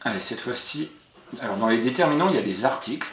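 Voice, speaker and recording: A patient, encouraging man walks a young pupil through spelling, sounding out each letter. His voice sits at an ordinary middle pitch. The room around him rings with noticeable echo. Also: lively intonation, fast talker, a bit bright, slight background noise. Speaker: teacher. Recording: roomy echo.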